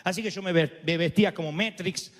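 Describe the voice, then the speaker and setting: A man's voice: high-pitched, fairly quick. A middle-aged Argentine man preaching a storytelling sermon, theatrical and joking as he acts out the people in his story. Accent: Argentine Spanish. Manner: animated and theatrical, acting out quotes and joking. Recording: long hall reverb.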